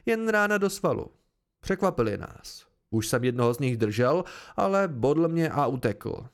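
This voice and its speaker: Reading an audiobook, a man voices a gruff, suspicious, quick-tempered middle-aged village mayor in a creaky voice. His delivery is medium-pitched, very animated and hearty.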